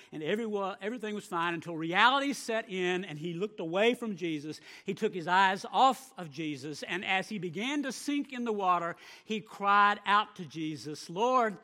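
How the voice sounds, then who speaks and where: A male pastor delivers his sermon in a high, ringing voice. He presses on key phrases and lets the loudness rise and fall, often repeating a word as he goes. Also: moderate pace, few pauses. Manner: emphatic preaching with swelling volume and repeated words.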